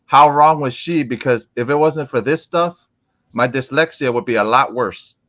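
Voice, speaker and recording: A young man from Florida chats casually as an interview guest. He rambles, restarts his sentences and fills the gaps, and his voice sits at an average pitch. The recording sounds a little muffled and lo-fi. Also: normal speed, a bit bright. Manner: rambling with many restarts and fillers. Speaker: interviewed guest, comic collector.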